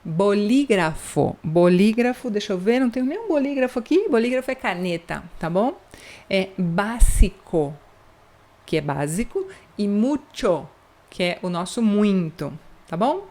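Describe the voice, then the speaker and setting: A woman's voice: medium pitch, big pitch swings, mellow. A Brazilian woman with a São Paulo accent teaching Spanish pronunciation in a chatty online lesson, drawing sounds out in an exaggerated way and checking in often. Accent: São Paulo Brazilian Portuguese. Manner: exaggerated, drawn-out demonstration of sounds; chatty, checks in with frequent asides.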